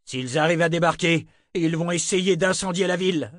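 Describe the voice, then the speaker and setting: A man voicing a flustered middle-aged male merchant who shouts urgent orders to a panicking crowd, in an audiobook. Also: fairly high pitch, moderate pace, no echo, clean studio sound, pitched above the performer's own voice, natural voice. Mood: urgent shouting. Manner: loud, urgent, commanding. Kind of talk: audiobook character voice.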